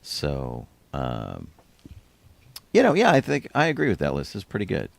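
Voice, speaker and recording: A man's voice: very deep voice, huge pitch swings, normal speed, vocal fry, dry recording. A man co-hosting a podcast, chatting casually and telling rambling stories with small chuckles. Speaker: podcast co-host. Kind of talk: casual chat.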